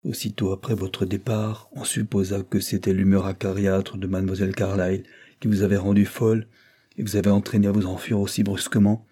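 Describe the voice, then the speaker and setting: A man's voice: deep voice, little pitch movement, fairly quick, mellow, breathy edge. A man reading an audiobook plays a stern older aristocrat, the count, who lectures and reproaches in a severe tone. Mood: reproachful.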